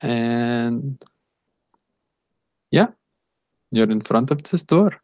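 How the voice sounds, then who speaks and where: A man improvising narration as game master of a tabletop game, haltingly, searching for words. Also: mid-range voice, animated, a little mellow. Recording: echoey room, dull lo-fi sound.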